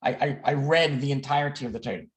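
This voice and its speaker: A man in his thirties, a native English speaker, talks fast in a mid-range voice at an online learning gathering. His personal talk to the group on the video call is candid and self-deprecating, full of repeated words and restarts.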